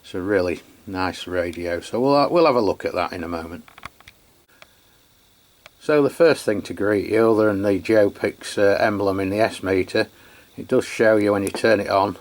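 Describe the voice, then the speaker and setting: An Englishman with a fairly low voice works as a radio reviewer, giving an unscripted product review and demonstration. He's chatty and matter-of-fact, though his delivery is halting.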